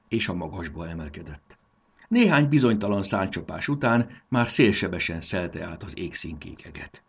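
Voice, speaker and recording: A man reads a children's story aloud with a low, slightly husky voice. His delivery is expressive, and his pitch swings widely through each sentence. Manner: lively, expressive reading. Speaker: narrator. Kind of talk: storybook narration.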